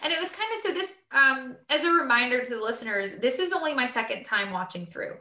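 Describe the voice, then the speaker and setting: Late-20s woman chatting on a podcast, bright tense voice, echoey room. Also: high-pitched, animated, quick pace. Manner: chatty, laughing, lots of fillers. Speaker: podcast co-host. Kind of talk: casual chat.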